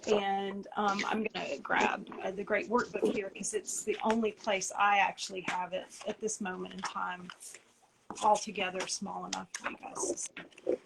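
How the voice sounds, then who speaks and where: A woman with an Appalachian accent giving an informal video lecture in a halting, conversational, self-deprecating way. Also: mid-range voice, vocal fry, fairly bright tone, a little hiss or hum, low-quality recording. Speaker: presenter explaining esoteric tarot.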